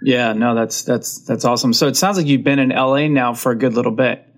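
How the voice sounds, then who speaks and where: A man's voice: mid-range voice, a little fast. Chatty male podcast host. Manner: chatty, encouraging, rambling questions. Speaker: podcast host, film coach. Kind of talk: casual interview talk.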